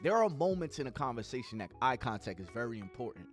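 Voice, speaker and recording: A man's voice: mid-range voice, fast, faint music behind. A man on a podcast giving advice in a coaching tone and acting out short sample conversations. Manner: animated coaching, acts out little dialogues.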